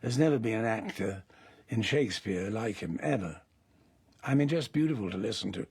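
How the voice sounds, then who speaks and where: A man's voice: on the low side, animated, moderate pace, vocal fry, a little mellow, husky. An older man, an actor interviewed about his past work, telling anecdotes in a reflective way. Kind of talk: reminiscing interview.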